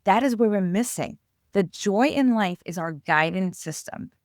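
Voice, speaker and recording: In this spiritual interview, a guest author with a New York accent uses a mid-range voice with lively intonation at a moderate pace. She explains spiritual growth earnestly and fluidly, and the clean studio recording carries no room sound.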